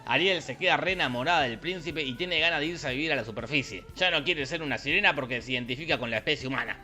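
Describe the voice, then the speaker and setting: A man with a Rioplatense Spanish accent narrating a comic, slangy movie recap in a deadpan, irreverent way. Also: fairly high pitch, fast talker, soft background music. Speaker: host summarizing films.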